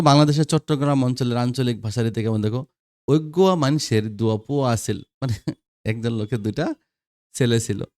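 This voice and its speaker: Bangladeshi male teacher, mid-pitched, drills students with questions, dry close mic. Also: a little mellow, dry recording. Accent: Bangladeshi Bengali. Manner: quizzing students, repeating answers. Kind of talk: lecture for school students.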